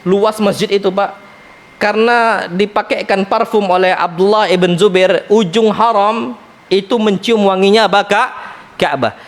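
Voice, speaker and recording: A man teaching an Islamic study lecture, speaking in a lively way, often calling his listeners "Pak" and weaving in Arabic terms. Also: high-pitched. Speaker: ustadz. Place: Islamic center lecture hall.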